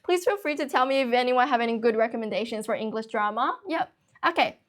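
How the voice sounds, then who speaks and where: A young woman from China, whose first language is Chinese, chatting briskly on a livestream from an office and answering viewers' questions about learning English. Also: on the high side. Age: young adult. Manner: brisk, chatty, refuses to slow down.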